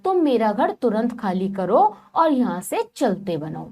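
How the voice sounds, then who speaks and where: An indignant male partridge from a storybook scolds a squatter out of his nest, as a woman teacher reads him. His high voice rises sharply and swings widely as he shouts. He speaks slowly and firmly. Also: very animated. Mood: shouting angrily.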